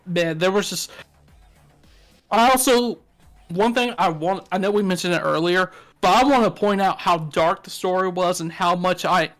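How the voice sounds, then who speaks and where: A man with a Southern US accent co-hosts a podcast, chatting casually in a frank, joking way and swearing often. His voice is high-pitched and fairly bright.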